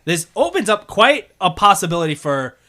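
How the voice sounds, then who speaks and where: Bright, higher-voiced young man chatting. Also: sing-song, normal speed. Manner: lots of filler words and restarts, laughs easily. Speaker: podcast co-host. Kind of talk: casual chat.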